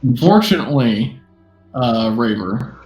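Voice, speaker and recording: A man narrating as game master of a tabletop game in a relaxed, self-deprecating way. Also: medium pitch, a little slow, soft background music. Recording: echoey room.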